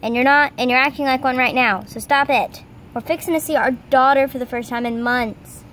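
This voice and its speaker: A woman's voice: sits high, fairly quick, a bit bright. A woman voicing a patient but firm male horse in amateur toy role-play, reasoning and placating. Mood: exasperated. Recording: noisy handheld outdoor recording.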